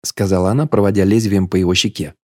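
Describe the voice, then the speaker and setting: Deep-voiced and even, this male narrator reads an audiobook with a measured storytelling delivery. The sound is clean studio audio with no echo.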